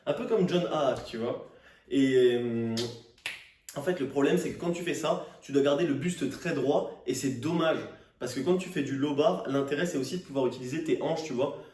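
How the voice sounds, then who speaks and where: A man's voice: medium pitch, normal speed, darkish tone. A young man venting casually to camera in slang, exasperated and ranting, with swearing. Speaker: fitness vlogger. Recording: roomy echo, distant microphone.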